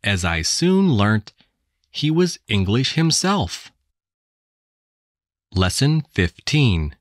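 An American woman reading English textbook passages aloud with careful, deliberate enunciation. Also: extremely low pitch, sing-song, no echo, clean studio sound. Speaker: English text reader. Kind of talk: slow scripted textbook reading.

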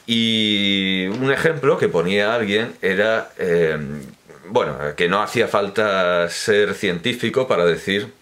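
A man's voice: on the low side, unhurried, a bit bright. A man giving a pedantic, corrective spoken monologue, explaining points at length with hesitations and restarts. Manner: lecturing, didactic explanation. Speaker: commentator on language teaching. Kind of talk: spoken monologue, opinion talk.

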